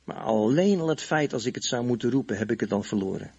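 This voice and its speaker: A man's voice: medium pitch, animated, fast, a little mellow, breathy edge. A male pastor preaching emphatically and leading his congregation in prayer, stretching out key phrases. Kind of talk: sermon and prayer. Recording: dull, muffled sermon recording.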